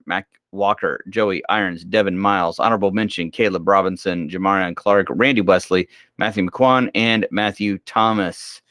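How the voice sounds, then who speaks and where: A man's voice: on the low side, fairly bright tone, no room sound, studio quality. A man hosting casual school homeroom news, chatty and joking, sleepy and yawning as he reads announcements.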